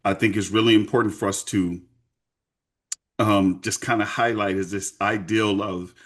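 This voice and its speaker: A man hosting a podcast conversation, speaking in a candid, earnest way. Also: fairly low pitch. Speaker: podcast host. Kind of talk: conversational interview.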